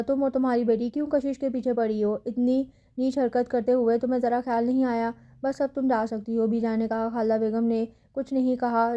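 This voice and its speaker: A woman with a Pakistani Urdu accent reading a romantic novel aloud as a scripted audiobook narration, in an even, low-key way.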